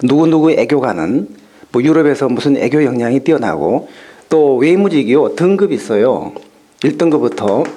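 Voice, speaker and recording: A man's voice: medium pitch, expressive, normal speed, mellow, close to an everyday voice. A man voicing a male ministry official who reads a formal report and mispronounces one vowel.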